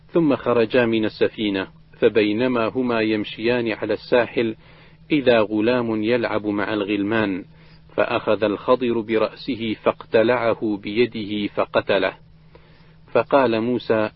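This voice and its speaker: A man reading a classical collection of prophetic traditions aloud in a steady, measured recitation, voicing the quoted dialogue plainly without acting it out. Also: on the low side. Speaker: reader of a hadith collection. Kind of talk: recited religious text reading. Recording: dull lo-fi recording.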